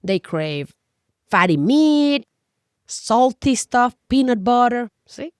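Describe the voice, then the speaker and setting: Speaking to camera, a middle-aged nutrition coach whose first language is Spanish explains things in emphatic, conversational English full of Spanglish slips, addressing the listener directly. Her slightly high voice is sing-song, slow and smooth, recorded in studio quality with no echo.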